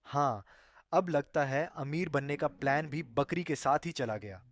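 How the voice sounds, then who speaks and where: A man voicing a calm, laid-back young brother in a cartoon story who cracks dry jokes. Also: on the high side, measured pace. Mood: relaxed.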